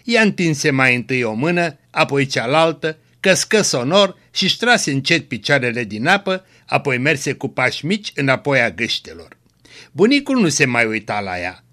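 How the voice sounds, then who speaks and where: A man reading a story aloud in a steady, measured way. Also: mid-range voice. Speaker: reader.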